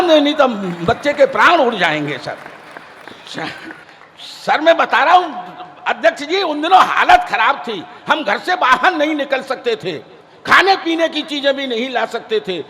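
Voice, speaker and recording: Speaking in an extremely high, pushed and bright voice, a man compères a poetry gathering with comic banter, teasing and declaiming to a live audience. This live stage comedy and introductions take place on a large event stage through a stage microphone, with hall reverb from the PA.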